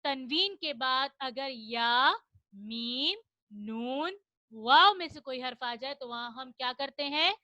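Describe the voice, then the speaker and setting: Female tajweed teacher, high bright voice, slow patient delivery, dry close sound. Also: animated, dry recording. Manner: explains rules, then chants verses slowly for repetition. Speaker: Quran recitation teacher. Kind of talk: online children's tajweed lesson.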